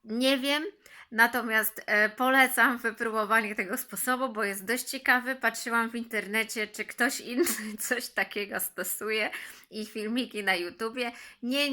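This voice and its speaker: A middle-aged woman talks informally to her viewers. Her voice is bright and clear-cut in tone, at an ordinary female pitch. She explains things in a casual, slightly halting way. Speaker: vlogger sharing a home health tip.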